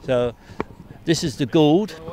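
A slightly high, mellow voice belongs to an older man who speaks slowly while interviewing a race driver outdoors by a team truck in the paddock. It's a casual, chatty, friendly talk with filler ums, captured on a handheld mic with a fluffy windshield amid faint outdoor noise.

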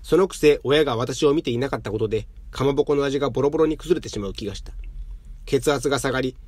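A man reading literary fiction aloud in a calm, measured way. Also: mid-range voice, no echo. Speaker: narrator.

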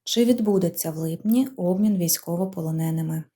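A woman reading out interview questions in a plain, even way. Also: on the low side, fairly quick. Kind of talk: read-out questions.

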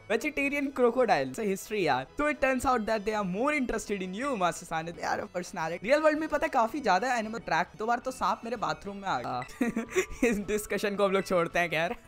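A young man giving casual, excitable let's-play commentary, chatty and calling his viewers bro. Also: high voice. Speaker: gaming YouTuber.

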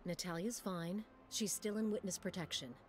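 A woman's voice: on the low side, moderate pace, a little hiss or hum, lightly acted. An actress playing a serious, commanding female police chief in a video game. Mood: serious, businesslike. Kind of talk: animated game cutscene acting.

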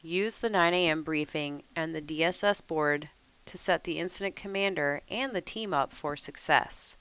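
A woman reading a scripted training narration over slides in a measured, instructive way. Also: low voice, fairly bright tone, clear, resonant tone. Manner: measured, instructive, reads steadily. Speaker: weather service trainer.

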